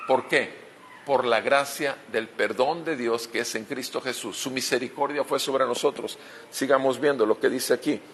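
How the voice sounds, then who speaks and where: A man's voice: medium pitch, fairly bright tone, a little hiss or hum. A man with a Mexican Spanish accent preaching a sermon as pastor, asking rhetorical questions and repeating key phrases.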